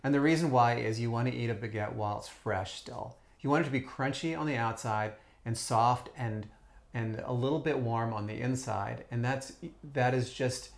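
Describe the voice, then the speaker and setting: A man hosts a casual podcast chat. His pitch sits in the middle of the male range. He talks in a loose, chatty way, full of ums and small restarts. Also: normal speed, vocal fry. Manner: relaxed, chatty, many fillers. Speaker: podcast host.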